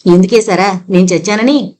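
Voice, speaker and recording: An irritable, harassed middle-aged father grumbles and snaps, as a woman narrator reads his lines. He is quick to anger in this audiobook novel. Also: mid-range voice, a little mellow, close to an everyday voice. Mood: exasperated. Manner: angry, grumbling.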